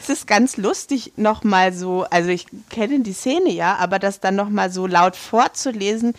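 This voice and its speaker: A woman co-reader chatting in a relaxed, reflective way. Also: medium pitch, normal speed. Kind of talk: casual chat.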